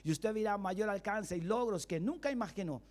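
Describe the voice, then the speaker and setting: This Sunday sermon comes from a male pastor with a high, darkish voice at normal speed. Through rhetorical questions and call-and-response, he engages the congregation and mimics everyday excuses in quoted voices.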